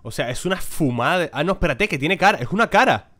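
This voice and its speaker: A man's voice: a little high, expressive, quick pace, fairly bright tone. A man, giving casual let's-play commentary on a horror game, chatting to his viewers and swearing freely. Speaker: gaming YouTuber.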